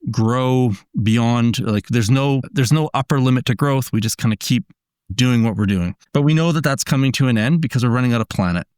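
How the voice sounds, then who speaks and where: Guy talking on a podcast, earnest and explainy, smooth voice, dry mic. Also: mid-range voice, a little fast, a little mellow, no room sound. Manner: earnest, explanatory, frequent restarts. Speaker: podcast guest. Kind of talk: casual conversation.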